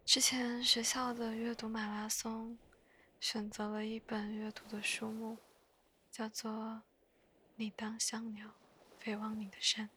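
A woman chatting in a soft, breathy whisper for bedtime listening, hushed and gently unhurried, close to the mic. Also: on the high side, completely flat delivery, slight background noise. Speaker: host of a bedtime podcast.

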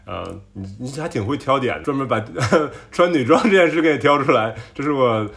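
A man from China, a podcast guest, telling stories in a lively casual chat, laughing often and dropping in English words. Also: medium pitch, normal speed, vocal fry.

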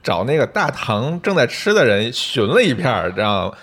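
A man's voice: mid-range voice, sing-song, normal speed, a bit bright. A man chatting casually and animatedly as a podcast co-host, giving his opinions freely. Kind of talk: casual chat about restaurants.

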